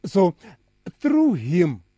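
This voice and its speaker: A man's voice: sits high, wildly swooping pitch, extremely slow, mellow, dry recording, dull audio. A man with a South African accent teaches the Bible conversationally as a radio pastor, asking questions and checking that he is followed. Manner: didactic, asks questions and checks understanding.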